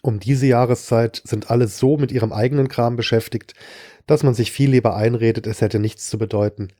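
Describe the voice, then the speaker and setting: A man's voice: medium pitch, fairly even intonation, fairly quick, mellow, no echo. Dry-voiced male story narrator. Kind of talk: scripted narration of a short story.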